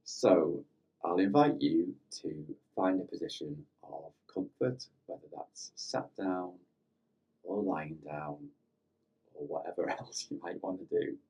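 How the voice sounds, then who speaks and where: A man with a gentle, reflective, soft-spoken manner, leading a guided meditation. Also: low-pitched, expressive, slow pace, creaky, slightly rough, far from the mic. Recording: slightly dull lo-fi recording with faint music.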